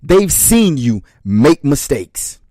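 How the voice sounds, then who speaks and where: Male motivational speaker, slightly high voice, slow and deliberate delivery, emphatic refrains, dry close sound. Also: sing-song, warm tone, no echo. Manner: emphatic, repeats short refrains; addresses listeners as brothers and sisters. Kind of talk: motivational speech.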